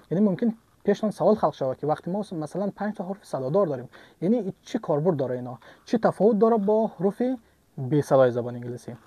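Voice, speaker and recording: A man's voice: sits high, warm tone, no room sound. A man teaching English. He repeats each example word several times and asks and answers his own questions. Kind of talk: online language lesson.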